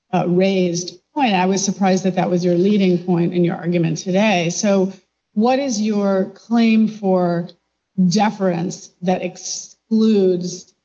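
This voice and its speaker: Woman judge grilling counsel, mellow dark tone, muffled audio. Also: fairly low pitch. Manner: pointed, probing questions. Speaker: appellate judge. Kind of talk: questioning counsel in oral argument. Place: courtroom.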